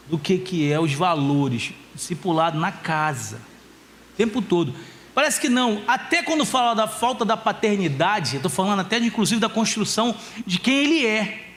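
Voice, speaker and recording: A male pastor preaches at a church conference, his voice sitting noticeably high for a man. He moves between fervent exhortation and homely stories about his family, slowing down to lean hard on the words that matter. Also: a bit bright, a little hiss or hum. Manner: impassioned preaching, slowing to stress key phrases; storytelling with family anecdotes. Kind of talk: sermon.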